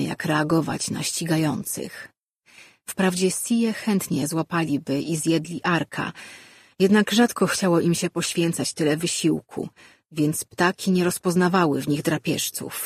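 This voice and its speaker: An audiobook narrator reading a fantasy story in a steady, measured way. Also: medium pitch, husky, no echo, studio quality.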